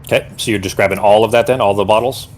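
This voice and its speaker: Male game master, low voice, loose rambling narration. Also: fairly even intonation, quick pace, darkish tone, a little hiss or hum. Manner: rambling, searching for words, many restarts.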